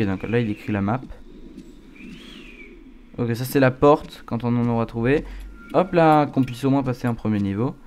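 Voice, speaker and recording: A man with a slightly mellow, mid-range voice streams a horror game, offering casual commentary while reacting fearfully and jumping at scares. Background noise in the recording is clear.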